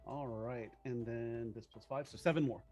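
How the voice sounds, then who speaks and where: A man's voice: medium pitch, steady tone, moderate pace, a little mellow, faint music behind. A man chatting casually as a tabletop game player, joking and muttering through his numbers.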